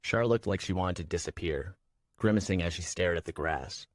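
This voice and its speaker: Brief: deep male voice reading a fantasy novel in first person, steady and measured, dry close-mic sound. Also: no echo. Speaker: audiobook narrator. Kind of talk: scripted first-person narration.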